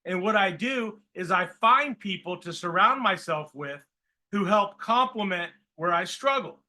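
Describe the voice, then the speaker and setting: A man leads a team meeting over a video call, speaking in an emphatic, coaching way. His voice sits high and rings very bright. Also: expressive, unhurried. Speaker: team leader introducing a speaker. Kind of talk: motivational talk on a video call.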